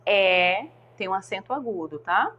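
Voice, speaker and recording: A woman's voice: medium pitch, animated, measured pace, highs cut off. A woman teacher patiently explaining a grammar lesson to her students, often checking that they follow.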